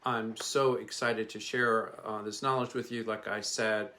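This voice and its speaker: A middle-aged or older man from the Bronx giving an informal, earnest introduction as a therapist and teacher, speaking in a halting, reflective way. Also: fairly low pitch, steady tone, pushed and bright. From the Bronx, New York. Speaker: psychologist and therapy teacher presenting his channel. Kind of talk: informal spoken introduction to camera. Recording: echoey room, distant mic, faint noise.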